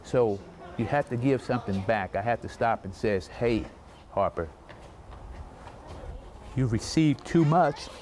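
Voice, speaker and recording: An older retired man being interviewed outdoors, talking in a reflective, halting way with restarts. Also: mid-range voice, lively intonation, darkish tone, slight background noise. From United States. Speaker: retired volunteer English teacher. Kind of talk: documentary interview.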